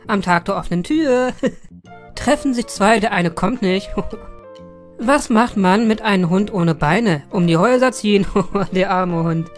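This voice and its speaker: A woman hosting a joke channel, reading viewer jokes aloud and giggling after the punchlines with amused little asides. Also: medium pitch.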